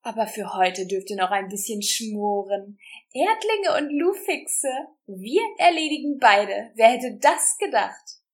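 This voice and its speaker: A woman reading a storybook who voices a gloating male creature gang leader with a croaking, mocking voice. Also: medium pitch, very animated, a little slow. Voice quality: croaking groan. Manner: mocking, cruel.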